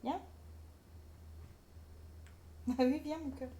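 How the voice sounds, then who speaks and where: Playful high-voiced woman, casual chatter. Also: fairly even intonation, extremely slow, mellow. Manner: informal, colloquial, often swearing; cooing affectionately to a pet. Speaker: live streamer, craft vlogger. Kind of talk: casual live chat, rambling and playful.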